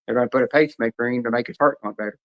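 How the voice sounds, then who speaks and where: A man talks at an ordinary middle pitch, rambling from one story to the next in casual chat. His voice comes through a dull, lo-fi stream mic. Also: racing.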